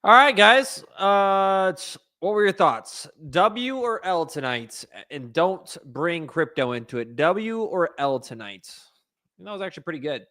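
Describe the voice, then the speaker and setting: A man's voice: sits high, sing-song, measured pace, sharp tone. A man giving casual livestream commentary, talking to his viewers in slangy, informal language. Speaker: livestream host and day trader.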